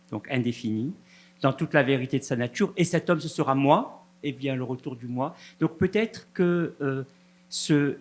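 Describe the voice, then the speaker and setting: A man in the audience asking a long, polite question, pausing often and hesitating. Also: mid-range voice, darkish tone. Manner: hesitant, many "euh" pauses, polite. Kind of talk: halting question from the floor.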